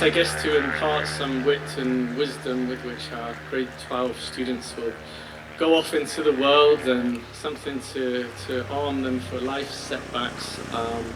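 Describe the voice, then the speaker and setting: A middle-aged British man, a school principal, giving a self-deprecating graduation speech with many ums and restarts. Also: medium pitch. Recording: distant mic with faint noise.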